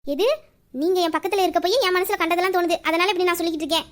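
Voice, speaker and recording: A woman playing a feisty, high-voiced office girl. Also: fairly even intonation. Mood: irritated. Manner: quick, sharp and exasperated. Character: feisty young female office worker. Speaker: young female office staffer. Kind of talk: Tamil audio drama acting.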